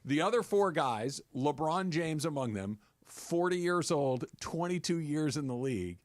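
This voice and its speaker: A male sports radio co-host with a fairly high voice in a very dry studio. He talks casually and explains his points with emphasis, repeating words as he goes. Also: expressive, a little slow, dry recording.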